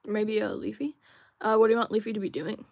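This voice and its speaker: Young female streamer, casual chatter while drawing, meandering and filler-heavy, close dry sound, middle-pitched. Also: fairly even intonation, fast, vocal fry, a little mellow, dry recording. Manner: rambling, musing, many fillers and restarts; reads viewer chat aloud. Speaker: livestream host.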